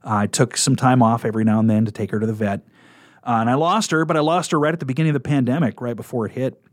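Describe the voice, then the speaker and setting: A man's voice: medium pitch, racing, dry recording, clean studio sound. A man chatting casually and enthusiastically as a guest on a radio interview program. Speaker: radio talk show guest and coworker.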